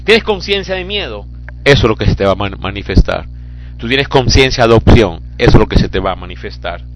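A man's voice: lowish voice, expressive, brisk. A man preaching a sermon as pastor, impassioned and fervent, building into cries.

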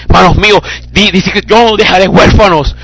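A man's voice: sits high, a little fast, creaky, fairly bright tone, breathy edge, no room sound. A man preaching a sermon as pastor, impassioned and fervent, building into cries.

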